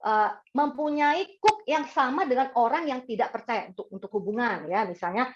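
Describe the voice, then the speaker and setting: Woman pastor, sermon delivery, animated and conversational, fairly high voice, muffled lo-fi recording. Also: normal speed, background noise. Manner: animated, acts out quoted voices with sharp pitch jumps; chatty, asks the congregation for agreement. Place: church service. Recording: dull lo-fi recording.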